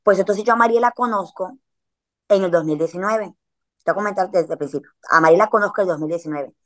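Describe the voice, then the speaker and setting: A woman's voice: fairly low pitch, fast talker. A woman, chatting casually as a podcast guest and telling a story in a slangy way, with frequent filler words.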